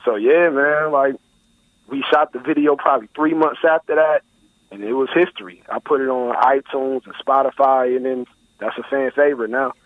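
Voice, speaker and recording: This Buffalo, New York rap artist, nineteen years old, chats casually in slang about his music during a phone interview. His voice is medium in pitch at a moderate pace, coming through a tinny, dry line without room sound.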